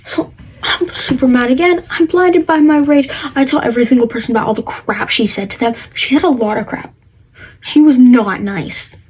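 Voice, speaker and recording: Husky-voiced young woman rambling through a story. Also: sits high, moderate pace, darkish tone, low-quality recording. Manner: rambling with many fillers and restarts. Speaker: vlogger. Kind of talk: casual storytelling to camera.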